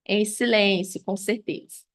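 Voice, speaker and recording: Medium in pitch, a little slow, and fairly even in intonation, this woman teaches a grammar review. She explains by listing example after example, frequently adding "né?" and "tá?".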